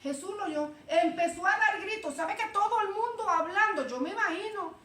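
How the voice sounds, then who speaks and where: High-voiced woman preaching. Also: moderate pace. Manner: animated, acts out Bible voices, calls listeners "hermano". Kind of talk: informal sermon. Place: church. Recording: echoey room, heard from a distance.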